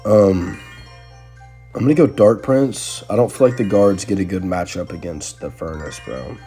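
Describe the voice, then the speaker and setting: A young man giving casual, excitable live commentary on his own gameplay, talking slangily to his viewers. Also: low-pitched, normal speed. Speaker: gaming channel host. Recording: faint music underneath.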